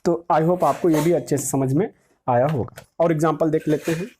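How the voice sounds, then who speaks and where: A woman's voice: deep voice, moderate pace, dark tone, slight background noise. A woman teaching a grammar lesson who dictates example sentences word by word and asks her class questions, then answers them herself.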